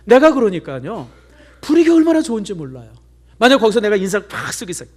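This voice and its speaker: Middle-aged male pastor, fairly high voice with big swings, chatty sermon storyteller, drops to near-whispers. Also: wildly swooping pitch, fast, a little mellow.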